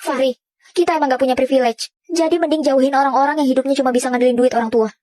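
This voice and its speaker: A woman dubbing a young wife who scolds forcefully and speaks her mind in a drama. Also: high voice, steady tone, very fast, dry recording, natural voice. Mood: scolding. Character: outspoken young wife, sharp-tongued and fierce.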